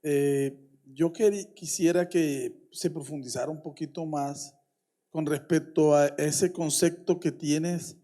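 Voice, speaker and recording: Halting man asking from the floor. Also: on the high side, steady tone, warm tone. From Colombian Caribbean coast. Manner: halting, with many restarts and fillers. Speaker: audience member asking a question. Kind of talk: question from the floor at a conference.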